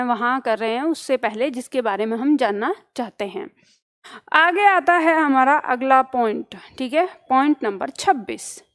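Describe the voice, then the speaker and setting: A woman teacher explaining grammar rules with example sentences, asking questions and answering them herself. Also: high voice. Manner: reads example sentences slowly and deliberately.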